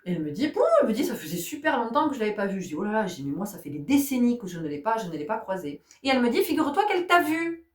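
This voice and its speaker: A woman's voice: medium pitch, animated, very fast, few pauses, darkish tone. Woman rambling on her vlog, lots of euhs and restarts, mic far off, echoey room. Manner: chatty storytelling, many fillers and restarts. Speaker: spiritual guide and vlogger. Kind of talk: casual chat. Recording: roomy sound from a distant mic.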